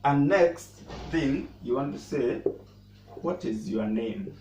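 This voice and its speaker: A man who speaks natively, teaching a casual language lesson and pausing often to repeat words as he explains. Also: medium pitch, animated, darkish tone. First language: Swahili. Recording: roomy echo, mic at a distance, faint noise.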